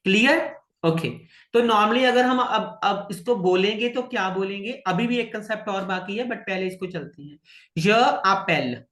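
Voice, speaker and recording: A man with an Indian accent gives an online French lesson, patiently repeating words and checking that his students follow. His voice sits high and a bit bright, at a normal speed, in a reverberant space.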